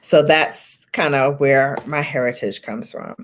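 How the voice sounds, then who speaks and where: A rumbling low, unhurried voice from a Brooklyn, New York, woman hosts this casual livestream, with slight background noise and faint music in the recording. Speaking in a Brooklyn accent, she's chatty, laughs often, and says hello to viewers by name.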